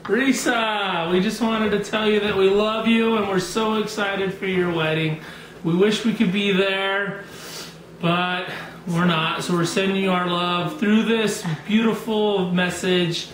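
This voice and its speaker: A man in his thirties speaks casually to camera in a personal greeting. His voice is notably high for a man. The home phone recording has plenty of room echo and faint noise. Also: steady tone, unhurried, fairly bright tone. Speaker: family member sending wedding wishes. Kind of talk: casual personal video message. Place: small wood-panelled room at home.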